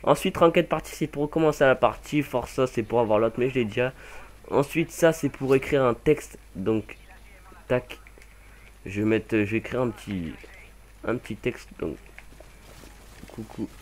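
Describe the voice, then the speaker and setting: A man's voice: mid-range voice, measured pace, long pauses. Young man rambling over gameplay. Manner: rambling, hesitant, many fillers and self-corrections. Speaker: gaming channel host. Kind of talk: casual gameplay commentary.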